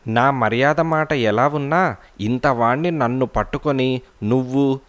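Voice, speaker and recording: A man's voice: medium pitch, lightly acted. A man reading as a cheeky, defiant boy.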